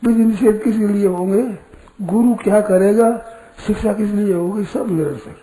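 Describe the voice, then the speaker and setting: An older man giving a slow, storytelling spiritual discourse full of rhetorical questions. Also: high voice, warm tone, a little hiss or hum, low-quality recording.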